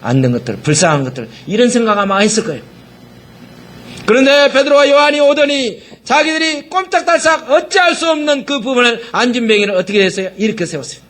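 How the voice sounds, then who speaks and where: A man's voice: very high-pitched, brisk, fairly bright tone. A male pastor preaching a sermon, firing rhetorical questions at the congregation and mockingly acting out quoted voices.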